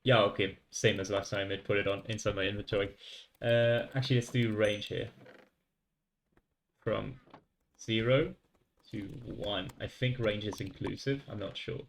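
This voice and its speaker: This fairly low, gravelly voice belongs to a young man from France with a light French accent, who talks through his code while chatting with livestream viewers. His tone stays steady at a moderate pace, broken by long pauses. Slight background noise is audible.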